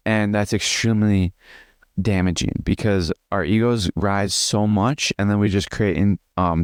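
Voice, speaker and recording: Deep-voiced young man rambling earnestly. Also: darkish tone, no echo, clean studio sound. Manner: rambling, filler-heavy, earnest. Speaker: vlogger. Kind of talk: casual personal vlog.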